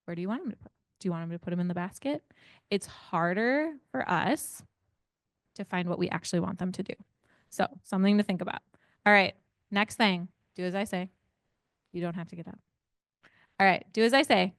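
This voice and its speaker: A woman with a smooth, clear voice runs an interactive parenting workshop. She keeps firing questions at the group and walks them through little exercises. The sound is dry and close. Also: on the low side, brisk, pauses often, dry recording. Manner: engaging, asks the audience many questions. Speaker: parent educator.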